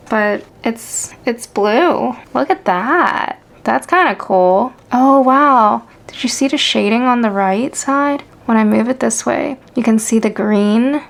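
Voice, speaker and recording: A woman's voice: on the high side, gravelly. A young woman vlogging casually to camera as she tests stationery inks at a home desk, chatty and talking to herself, with wry asides. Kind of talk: casual ink-swatching chat to camera.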